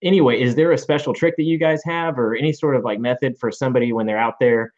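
A man hosting a casual interview, talking in a relaxed, hesitant way with fillers. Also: mid-range voice, fast talker. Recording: dull lo-fi audio.

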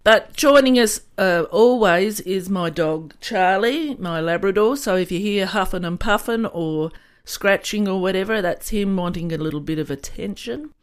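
A woman's voice: medium pitch, normal speed, few pauses. Teasing woman hosting a chat. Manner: teasing, dry, leads the talk. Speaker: podcast host. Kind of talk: casual chat.

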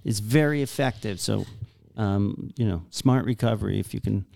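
A man's voice: fairly low pitch, moderate pace, creaky, darkish tone. A man co-hosting a recovery podcast, speaking earnestly from his own experience. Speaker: podcast co-host. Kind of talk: casual recovery podcast chat.

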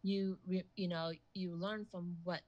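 A middle-aged woman with a lowish voice speaks as a guest in a casual interview. She grew up in Hawaii after being born in the Philippines. She talks reflectively, restarting sentences and leaning on "you know.". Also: fairly even intonation, a little slow, muffled recording.

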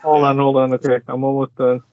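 A man's voice: mid-range voice, level tone, a little fast, no room sound. A man in a casual chat, heard through a muffled line, thinking aloud hesitantly while he makes his picks. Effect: muffled sound. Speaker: draft participant. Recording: muffled, dull call audio.

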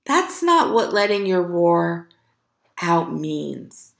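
A woman hosting a podcast, giving an earnest, encouraging motivational talk with slow, emphatic delivery. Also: on the low side, very animated, vocal fry, echoey room. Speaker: podcast host.

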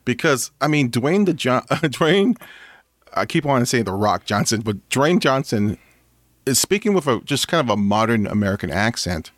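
A man's voice: mid-range voice, sing-song, normal speed, no room sound. A man co-hosting a movie review chat, talking in a rambling way with many restarts. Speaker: podcast co-host reviewing movies. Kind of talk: casual chat.

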